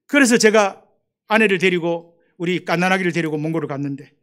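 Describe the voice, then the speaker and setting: A middle-aged man with a high voice preaches a sermon as a missionary. He tells stories from his past and then presses his listeners with mounting emphasis. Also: brisk, fairly bright tone. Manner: storytelling, rising to emphatic exhortation.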